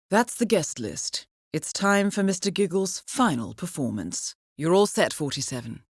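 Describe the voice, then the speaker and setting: In a video game, a woman plays a cool, composed intelligence handler delivering mission briefings in a measured, formal, dryly witty way. Her mid-range voice carries a dry, wry mood, recorded at studio quality with no echo.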